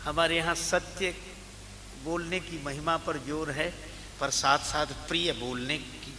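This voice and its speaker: A man's voice: a little high, steady tone, slow pace, sharp tone. A man preaching a devotional sermon, telling parables and acting out the characters in his stories. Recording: reverberant hall with faint background noise.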